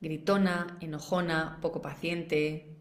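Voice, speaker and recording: Educadora de crianza española, tono de preguntas retóricas al público, sonido con mucha reverberación. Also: female voice, sits low, flat delivery, takes it slowly. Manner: asks the audience many rhetorical questions. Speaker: parenting educator. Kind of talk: live online masterclass. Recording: roomy echo.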